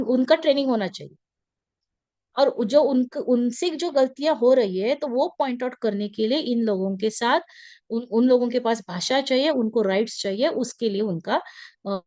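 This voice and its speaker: A woman's voice: a little high, a little mellow, no room sound. Hesitant woman lecturing, dry close sound. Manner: hesitant, many fillers and restarts. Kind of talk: online lecture mixing Hindi and English.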